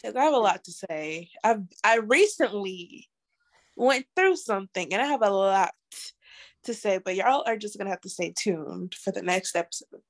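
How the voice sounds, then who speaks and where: A woman's voice: medium pitch, expressive, normal speed. A woman co-hosting a podcast in casual chat, hesitant and filler-heavy, often laughing. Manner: hesitant, lots of "like" and "I don't know", laughs often. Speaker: podcast co-host.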